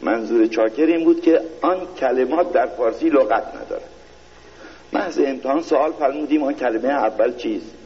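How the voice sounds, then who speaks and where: A man giving a satirical reading in a mock-royal court style, slow and pompous. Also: medium pitch, dark tone, dull audio. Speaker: reader of a satirical piece.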